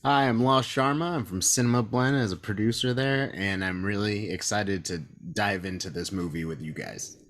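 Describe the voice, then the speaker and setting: Man, podcast co-host, low voice, easygoing, asks questions. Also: normal speed, few pauses, fairly bright tone. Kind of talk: casual panel chat.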